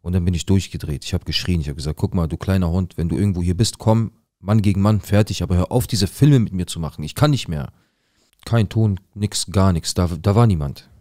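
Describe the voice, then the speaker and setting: A man's voice: deep voice, fairly quick, dark tone, dry recording, clean studio sound, natural voice. A man playing a paranoid young dealer. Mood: tense. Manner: coarse slangy swearing. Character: paranoid young male drug dealer, rough-talking. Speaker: narrator of his own story. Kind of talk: dramatic first-person monologue.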